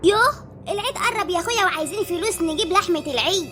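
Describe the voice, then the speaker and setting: A woman's voice: extremely high pitch, animated, very fast, pushed and bright, faint music behind, exaggerated voice. A woman voicing a nagging, put-upon wife and mother in an Egyptian cartoon, with an Egyptian accent and a whiny, pleading way of talking. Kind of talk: cartoon voice acting.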